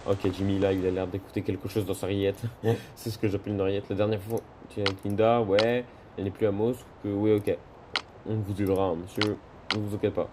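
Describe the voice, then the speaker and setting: A man's voice: fairly low pitch, fast, noisy background. A man playing a video game and commentating casually, joking and talking to viewers and characters. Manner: jokey, excitable, talks to viewers and game characters. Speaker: gaming video host. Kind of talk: casual let's-play commentary. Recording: loud game music behind.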